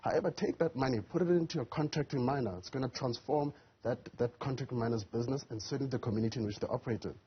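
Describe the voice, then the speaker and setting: Emphatic male guest; breathy, husky timbre; muffled broadcast audio. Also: mid-range voice, very fast. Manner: emphatic, keeps stressing his key words. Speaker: youth business advocate and entrepreneur. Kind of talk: live TV panel discussion.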